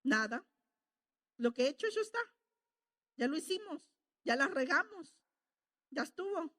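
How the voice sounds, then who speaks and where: Middle-aged woman preacher, high voice, homey conversational sermon. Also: animated, moderate pace, fairly bright tone. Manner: conversational, asks the congregation "¿verdad?".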